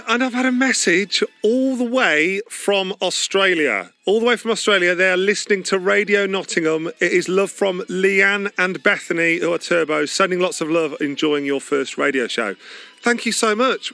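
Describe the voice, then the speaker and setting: A man's voice: high voice, normal speed, pushed and bright, soft background music. An English man hosting a breakfast radio show, chatting in a jokey, upbeat way into a studio microphone. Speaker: guest radio host.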